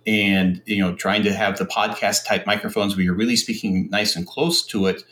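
A man's voice: on the low side, a bit bright. A man talking as a podcast guest in casual chat, rambling with many fillers.

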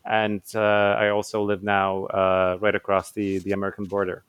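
A man's voice: low-pitched, little pitch movement, moderate pace, clear, resonant tone, no room sound. A man, an author giving thoughtful interview answers, hesitant with many fillers and restarts. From Poland. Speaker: author guest.

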